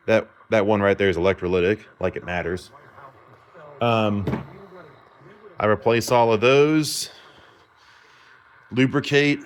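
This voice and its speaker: Indoors at a repair shop, a vlogger with a low, smooth voice demonstrates a vintage car radio he has fixed. His style is that of a hobbyist: casual, rambling, informal, and confident.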